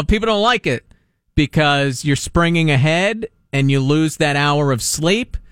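A man's voice: high voice, smooth, no echo, studio quality. A man from Long Island, co-hosting a sports talk radio show with joking, repetitive riffs. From Long Island, New York. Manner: animated, joking, riffs and repeats himself. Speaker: radio host. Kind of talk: casual sports talk banter.

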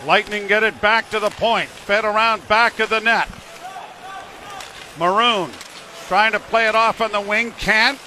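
Male hockey play-by-play commentator. Rapid running call, high voice, forceful bright edge. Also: steady tone, a little hiss or hum.

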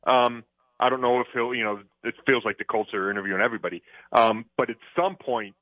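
Fast and mid-range in pitch, this man talks football as an analyst on sports radio, conversational and prone to fillers and restarts. The sound is dry phone-line audio without any room tone.

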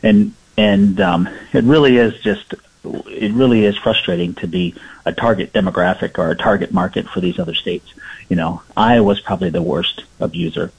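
A man's voice: fairly low pitch, moderate pace, gravelly, slightly rough, dull audio. A man speaking as a company chief executive in an earnest interview clip. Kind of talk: interview soundbite.

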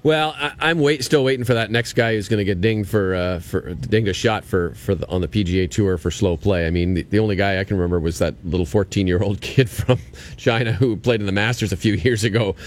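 A man's voice: on the low side, steady tone, fairly quick. A man co-hosting a golf talk show, telling anecdotes in a casual, conversational sports-talk style.

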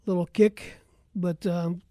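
A man's voice: high voice, steady tone, slow pace, dark tone, dry recording, clean studio sound. A man hosting a sports radio show in an easygoing, conversational way, with a processed broadcast sound to his voice.

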